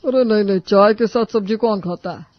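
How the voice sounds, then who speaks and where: A woman's voice: mid-range voice, a little fast, no room sound, lightly acted. A woman voicing an impatient male customer in a cartoon, brusque and dismissive. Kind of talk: cartoon voice acting. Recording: dull dry studio voice-over.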